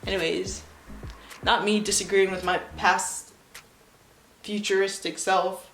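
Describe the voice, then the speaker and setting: A woman's voice: mid-range voice, little pitch movement, slow, gravelly, echoey room, faint music behind, low-quality recording. A woman of nineteen reading her old story aloud and breaking off for sarcastic, self-mocking comments. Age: young adult. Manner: sarcastic, self-mocking asides between read passages.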